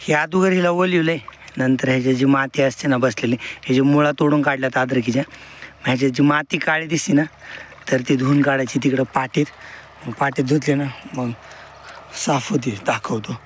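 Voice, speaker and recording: A man's voice: mid-range voice, steady tone, a little fast, a little hiss or hum. Man, outdoors on a farm. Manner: explains his fields and animals to the camera while working. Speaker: farmer vlogger. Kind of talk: casual farm vlog narration.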